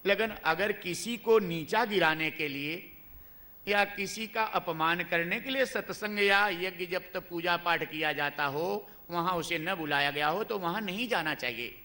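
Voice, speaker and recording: A man voicing a calm, patient male god who reasons gently with his wife. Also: high-pitched, a little slow. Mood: firm.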